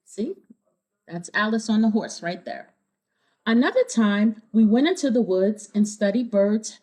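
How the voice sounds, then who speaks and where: This woman, speaking at a medium pitch, reads a kids' storybook out loud. She breaks off at points to explain details and make sure the young listeners are following.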